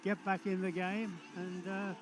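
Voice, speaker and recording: A man's voice: high voice, little pitch movement, measured pace. A man acting as co-commentator at a football match, giving short, chatty remarks on the play. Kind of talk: casual expert commentary.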